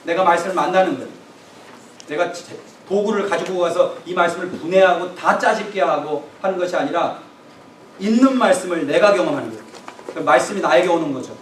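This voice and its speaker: A man's voice: high-pitched, fairly quick. A man giving an emphatic, exhorting seminar lecture on preaching, speaking straight to his audience. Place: lecture room. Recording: roomy echo, voice from far off, faint room noise.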